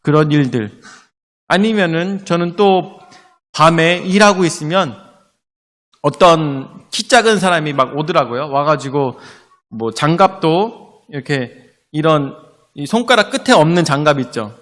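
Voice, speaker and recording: A fairly high-voiced male pastor tells stories from his own life in a lively, chatty sermon style. His voice rings with a long reverb from a church hall. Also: a little slow. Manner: storytelling, animated retelling with spoken asides.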